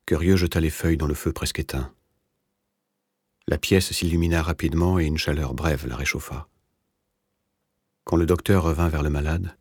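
Very deep husky male narrator. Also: dry recording, clean studio sound. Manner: measured, even literary reading. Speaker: audiobook narrator. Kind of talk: scripted narration of a novel.

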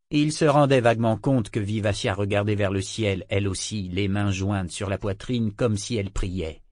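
A man's voice: lowish voice, darkish tone, no room sound. Man reading a novel, dry sound. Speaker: audiobook narrator. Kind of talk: scripted narration.

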